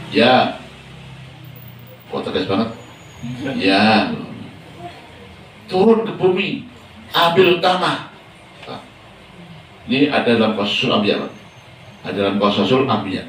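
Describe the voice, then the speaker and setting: A man's voice: medium pitch, a bit bright, a little hiss or hum. Male preacher, casual question-and-answer sermon style, off-mic in an echoey room. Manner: chatty, asks the congregation many questions. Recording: echoey hall from a distance.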